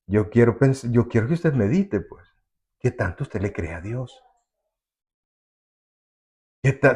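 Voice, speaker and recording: Male pastor, middle pitch, earnest preaching, voices characters in his stories. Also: darkish tone, slightly rough. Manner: earnest preaching, acting out quoted voices in anecdotes. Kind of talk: sermon.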